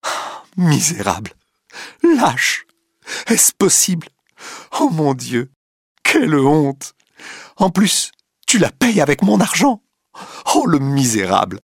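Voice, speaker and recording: A man's voice: fairly high pitch, huge pitch swings, slow, gravelly, long pauses, breathy edge, no room sound, studio quality, voice pushed up, heavily acted. A man voicing a betrayed, indignant woman crying out insults in a storybook reading. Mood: outraged.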